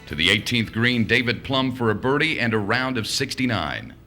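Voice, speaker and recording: A man's voice: mid-range voice, very animated, normal speed, pushed and bright, faint music behind. A man working as a golf commentator, calling play in short, terse announcements.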